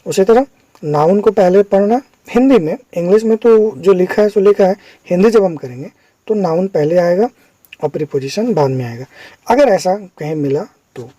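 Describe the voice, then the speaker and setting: A man's voice: sits high, expressive, moderate pace, warm tone, dry recording, rough recording. A man teaching English, patiently explaining each step and asking the listener if they follow. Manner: patient, checks understanding with questions. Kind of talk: explaining a lesson.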